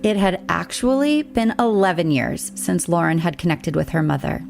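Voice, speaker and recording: A woman host giving scripted true-crime podcast narration in a measured, storytelling way. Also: lowish voice, gravelly, soft background music.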